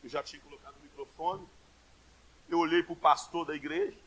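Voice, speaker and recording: A Brazilian man preaching a Pentecostal sermon, telling a story that builds into shouted proclamations and speaking in tongues. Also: fairly high pitch, fairly even intonation, brisk, slightly rough. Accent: Brazilian Portuguese. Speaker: pastor.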